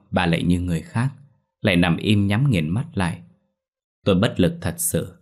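Low, husky-voiced male storyteller. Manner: steady, somber first-person telling. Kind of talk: scripted ghost story narration.

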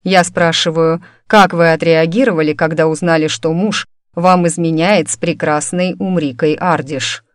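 A composed young man questioning a suspect, speaking mildly and evenly in a lowish voice, as a female narrator reads him. There is no drama in his delivery, only a measured calm. The sound is dry and close. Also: dry recording, lightly acted. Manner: mild, even, unhurried.

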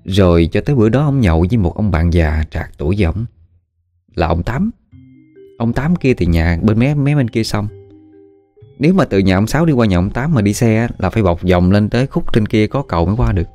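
A man's voice: fairly low pitch, lively intonation, brisk, mellow, faint music behind. A man with a Mekong Delta Southern Vietnamese accent telling a village story in a casual, rambling way, with many filler sounds. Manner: folksy, rambling, with frequent "à" fillers.

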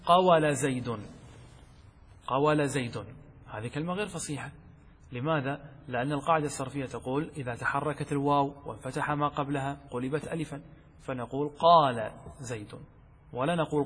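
Man, fairly high voice, husky, sheikh giving a lesson, chants verses slowly, echoing hall. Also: steady tone, a bit bright. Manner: explains step by step, asks and answers his own questions. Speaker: sheikh teaching rhetoric. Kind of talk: classroom lesson explaining a text. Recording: long hall reverb.

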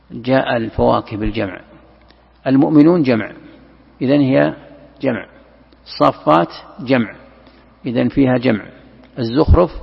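A male religious teacher giving a classroom lecture, explaining step by step and posing and answering his own questions. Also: medium pitch. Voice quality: gravelly, husky voice. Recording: dull lo-fi lecture recording with long hall reverb.

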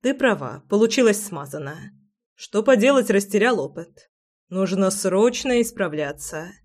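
A woman voicing a playful young husband in an audiobook, speaking softly and intimately, with no real change from her own voice. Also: mid-range voice, lively intonation, moderate pace, natural voice. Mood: tender, playful. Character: teasing, tender young husband in love.

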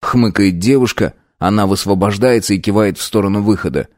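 Low-voiced male audiobook narrator. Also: a little fast, darkish tone, no room sound, clean studio sound. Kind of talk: first-person audiobook narration.

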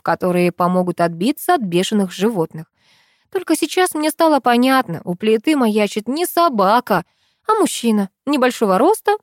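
A woman reading a first-person comic audiobook with expressive narration. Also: mid-range voice, dry recording, clean studio sound. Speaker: audiobook reader.

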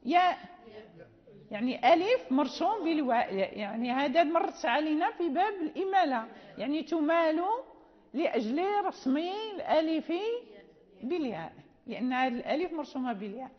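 A woman's voice: sits high, lively intonation, moderate pace. A woman with a Moroccan Arabic accent gives a patient, explanatory classroom lecture on Quran recitation and often checks in with her students. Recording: dull lo-fi sound with long hall reverb.

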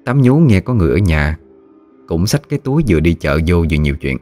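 Low-voiced male storyteller, Mekong Delta accent, folksy narration over faint music. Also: sing-song, fast talker, darkish tone. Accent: Mekong Delta Vietnamese.

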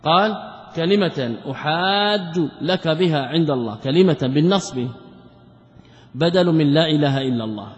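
A man's voice: fairly high pitch, a little mellow. A man, a sheikh, explaining a classical religious text in a lesson. He poses rhetorical questions, answers them himself, and repeats key words for emphasis. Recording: dull lo-fi recording with long hall reverb.

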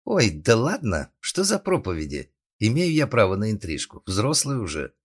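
A brash, tipsy young woman, acted by a male narrator in an audiobook, pitched far above his low voice. She speaks flippantly and carelessly. Her lines come out a bit louder than his narration. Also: huge pitch swings, moderate pace, husky, exaggerated voice.

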